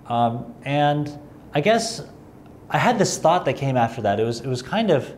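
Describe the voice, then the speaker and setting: A man's voice: normal speed, slight background noise. A man preaching a sermon in a conversational way, mixing emphatic rising lines with self-deprecating humor. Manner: animated, rising emphatic pitch.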